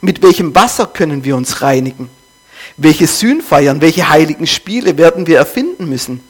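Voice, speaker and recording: A man's voice: on the high side, very animated, moderate pace, slightly rough. A man voicing a frantic madman who cries out over a lost god, in an intense run of rhetorical questions. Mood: anguished, declaiming.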